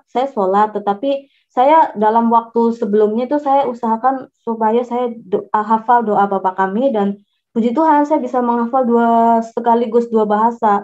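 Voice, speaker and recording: Halting woman telling her testimony, lo-fi. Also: on the high side, darkish tone. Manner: halting, with many restarts and fillers. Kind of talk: personal testimony storytelling. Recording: dull lo-fi recording.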